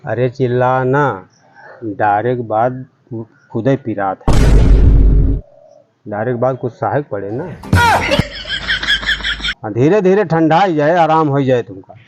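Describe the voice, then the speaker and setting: A man with an Awadhi accent playing a smooth-talking village doctor in a rustic comedy skit. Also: mid-range voice, a little slow, long pauses, highs cut off, very noisy. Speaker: fake doctor in a comedy sketch.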